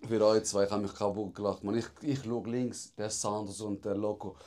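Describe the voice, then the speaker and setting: A man's voice: lowish voice, flat delivery, a little fast, darkish tone. A man, chiming in and laughing with slangy remarks in a casual chat. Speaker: podcast host.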